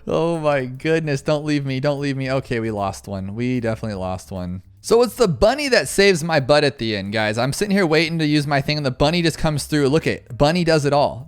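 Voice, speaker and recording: A young man giving excited, running commentary over a video game, exclaiming often and talking to his viewers. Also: mid-range voice, smooth. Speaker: gaming YouTuber.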